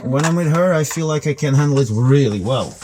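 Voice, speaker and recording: A man's voice: mid-range voice, lively intonation, a little fast, a little mellow. A man speaking in a casual, rambling way as he gives a walkthrough tour inside a small trailer. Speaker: vlogger giving an RV tour. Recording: noisy small trailer interior.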